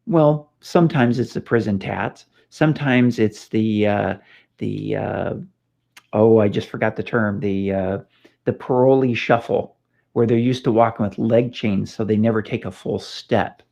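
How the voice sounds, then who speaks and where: A man's voice: on the low side, steady tone, unhurried, vocal fry, darkish tone. A middle-aged man from California hosting a casual police training talk, chatty and anecdotal with frequent fillers and restarts. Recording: slightly dull lo-fi recording.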